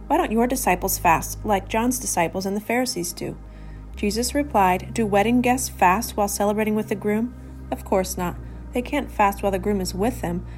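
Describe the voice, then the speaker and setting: A woman giving a scripted Bible reading in an even, measured way. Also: mid-range voice. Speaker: scripture reader.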